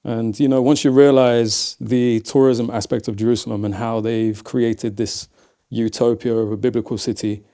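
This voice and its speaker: Gravelly, mellow English man from Leicester. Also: mid-range voice, level tone, normal speed, few pauses. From England. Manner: reflective, storytelling, says "man" often. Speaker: guest. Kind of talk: casual conversation.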